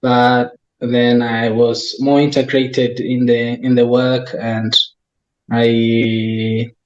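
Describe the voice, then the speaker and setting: A man's voice: medium pitch, flat delivery, dull audio. A young Tanzanian man working as a wildlife research coordinator, being interviewed and answering thoughtfully with many restarts. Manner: slow and thoughtful, with frequent restarts. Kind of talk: conversational interview.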